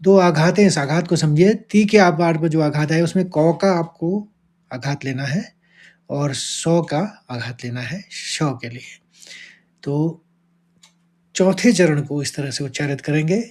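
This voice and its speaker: A man from India leads a devotional lesson on chanting a Sanskrit verse. He talks in an unhurried, deliberate way. He breaks the verse into parts and draws out each syllable as he chants it. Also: fairly high pitch, a little mellow. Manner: slow, deliberate, chants verse lines drawn out. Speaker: Gita recitation teacher.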